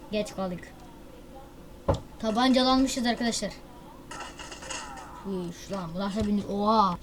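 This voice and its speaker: A woman hosting a gaming channel, giving excitable, slangy live commentary on a mobile shooter with loud outbursts and self-mocking banter. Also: medium pitch, a little hiss or hum.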